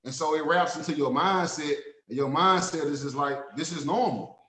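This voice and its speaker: Man, 30s, Dallas accent, streetwise, earnest, higher voice, echoey room. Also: normal speed, bright, forceful tone. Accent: Southern US, Dallas. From Dallas, Texas. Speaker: author guest. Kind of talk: casual interview talk. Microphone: video call.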